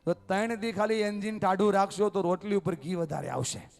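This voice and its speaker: Motivational speaker, man, high voice, rallies the crowd, faint music underneath. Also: a little fast, gravelly. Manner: calls out to the crowd for answers, swings from loud to hushed. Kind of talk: motivational talk to a family gathering. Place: outdoor family event at night.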